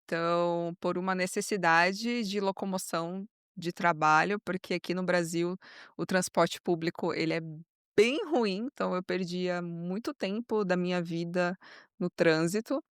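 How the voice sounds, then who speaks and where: Brazilian woman, 30s, São Paulo coast accent, smooth voice, dry close sound. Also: on the low side, no room sound. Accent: São Paulo coast Brazilian Portuguese. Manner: speaks slowly and clearly, laughs easily. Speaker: interview guest. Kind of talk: casual interview.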